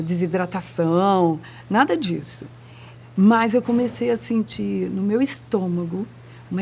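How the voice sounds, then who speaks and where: Woman, documentary testimony, gravelly fry, halting delivery, faint hum behind. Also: medium pitch, a little mellow. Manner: halting, personal, searching for words. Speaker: interviewee sharing personal experience.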